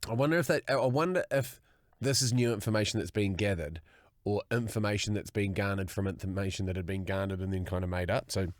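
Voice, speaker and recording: A man's voice: lowish voice, steady tone, fast talker, hardly any pauses, no room sound. A man with a broad New Zealand accent bantering casually as a podcast co-host, slangy, sweary and joking.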